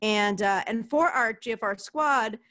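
A woman hosting a casual podcast interview, chatty and quick to laugh, with casual swearing. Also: on the high side, pushed and bright. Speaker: podcast host.

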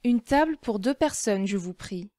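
A woman slowly reading vocabulary words and phrases one at a time for language learners, pausing between each. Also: mid-range voice, animated, mellow, dry recording, clean studio sound, soft background music. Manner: reads isolated words and phrases with pauses. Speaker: language teacher.

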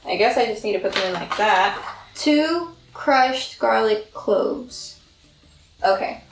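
A woman's voice: medium pitch, expressive, slow pace, gravelly, soft background music. A young woman in her twenties cooking in her home kitchen, chatting to the camera and thinking aloud in a self-deprecating way. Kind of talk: casual cooking vlog. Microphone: far camera. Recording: roomy kitchen sound from a distant camera.

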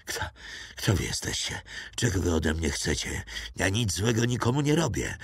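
A man's voice: deep voice, big pitch swings, normal speed, vocal fry, breathy edge, no echo, studio quality, heavily acted. A man reading an audiobook, voicing a rambling old male French poacher with a raised, strained old voice and a grumbling, folksy way of talking. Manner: grumbling, rambling folk philosophy. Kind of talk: audiobook character voice.

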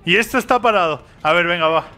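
A man's voice: sits high, fast talker, bright, forceful tone. A young man from commentating a horror game, nervous, repeating phrases and talking to himself. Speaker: gaming youtuber.

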